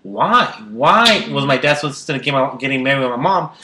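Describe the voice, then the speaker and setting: A man's voice: medium pitch, lively intonation, brisk, sharp tone, echoey room, rough recording. A man in his twenties hosting a casual chat, rambling and restarting his sentences. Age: 20s. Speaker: host.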